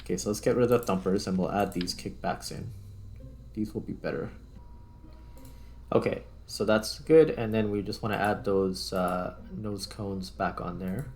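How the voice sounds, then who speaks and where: His voice sits on the low side, steady and somewhat dark, at a moderate pace. This gaming video host plays through a game with background music playing, muttering casually to himself and thinking aloud in informal let's-play commentary.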